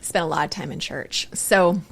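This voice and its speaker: A woman's voice: fairly low pitch, moderate pace, creaky. A woman guest on a podcast, an artist telling stories animatedly, laughing often and acting out quotes. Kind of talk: casual podcast chat.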